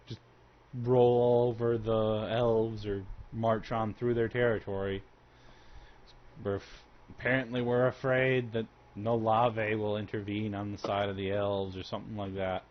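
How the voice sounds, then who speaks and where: A man narrating and talking in character as a game master in a halting, conversational way, on a dull recording. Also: fairly low pitch. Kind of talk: improvised tabletop game narration and in-character talk. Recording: dull lo-fi sound with faint noise.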